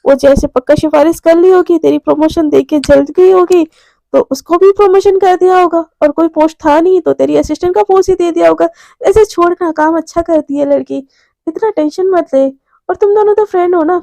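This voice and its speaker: An easygoing young coworker, chatty and reassuring, as a woman narrator puts her on. High voice with a gravelly edge. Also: fairly quick, dark tone, dry recording.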